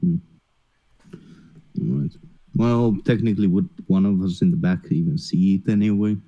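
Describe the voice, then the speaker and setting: A man's voice: low-pitched, normal speed, muffled recording. A man chatting casually as a player in a tabletop game.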